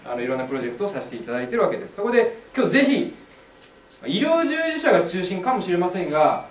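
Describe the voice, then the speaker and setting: Fast-talking man interpreting on stage. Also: sits high, very animated, a little hiss or hum. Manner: quick, polite asides to the audience. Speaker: interpreter and co-host. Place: large hall, recorded from afar. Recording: echoey hall, far from the mic.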